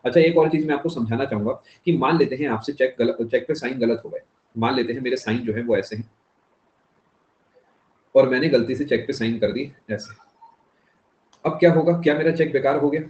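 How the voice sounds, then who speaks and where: A man's voice: mid-range voice, a little fast, long pauses, a little mellow. Guy teaching economics, explains bit by bit, asks if you got it, muffled echoey room. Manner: explains step by step, mixing English phrases, asks "समझ गए?". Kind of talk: classroom lecture. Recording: dull, echoey classroom recording.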